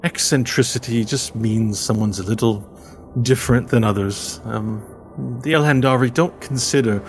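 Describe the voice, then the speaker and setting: A man voicing a polite, earnest elf chauffeur in a tabletop game, speaking formally and haltingly. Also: mid-range voice, faint music behind, natural voice. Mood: measured, candid. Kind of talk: tabletop role-play.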